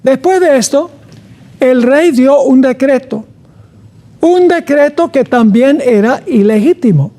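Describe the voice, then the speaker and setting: A man's voice: extremely high pitch, expressive, slow, warm tone. A middle-aged male pastor giving a sermon, reading scripture aloud and stopping often to comment and stress key words.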